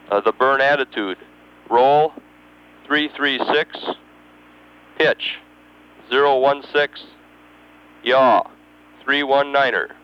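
A man acting as mission control communicator over radio, methodically reading procedural figures digit by digit with pauses. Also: mid-range voice, clean tone. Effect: radio transmission. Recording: dull, band-limited mission radio channel.

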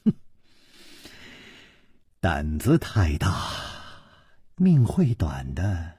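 Menacing, sneering older man, acted by a male storyteller, dropped low. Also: huge pitch swings, drawn-out words, warm tone, breathy edge, heavily acted.

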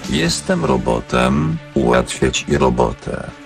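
A man voicing a stubborn male robot helper through a deep robotic voice filter, monotone and repeating himself in a comic radio sketch. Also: slow pace, vocal fry, music in the background, full character voice. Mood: insistent.

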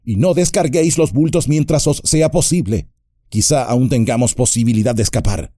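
A stern ranger barks brisk orders in a storybook reading, as a man puts him on. The voice sits higher than his narration, with a warm, mellow tone, recorded dry and close. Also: no room sound, close to an everyday voice. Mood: commanding. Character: stern male ranger leader, decisive.

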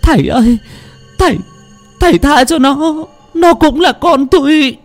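Male narrator doing a high, pleading mother in a horror tale. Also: unhurried, soft background music. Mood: pleading, tearful. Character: grieving mother pleading for her demon son.

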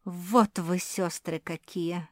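A woman's voice: lowish voice, steady tone, takes it slowly, dry recording, clean studio sound. A woman voicing a plump, greedy female cat in a storybook reading, blunt and bossy in manner. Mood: indignant.

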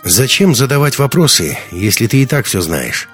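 A man's voice: medium pitch, big pitch swings, moderate pace, fairly bright tone, faint music behind, pitched above the performer's own voice. A man doing a prickly defensive young guy. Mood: irritated. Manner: curt, snapping, defensive.

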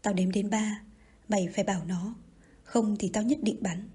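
A cruel older mandarin barking threats and insults, as a woman reads him in an audiobook. The voice is mellow and very breathy. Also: medium pitch, steady tone, moderate pace. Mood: menacing. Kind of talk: audiobook reading.

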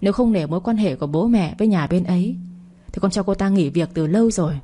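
A woman's voice: on the low side, fast, warm tone, close to an everyday voice. Woman reading as a cold, mocking young boss. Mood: wry. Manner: cool, mocking, curt. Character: cold sarcastic young male company boss.

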